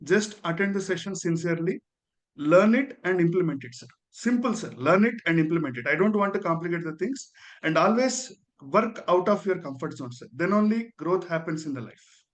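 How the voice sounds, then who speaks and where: A high-pitched male voice with an Indian accent gives an earnest testimonial. He is respectful and deferential, frequently tagging "sir" onto the ends of his phrases. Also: lively intonation, moderate pace. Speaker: dentist, guest giving a testimonial.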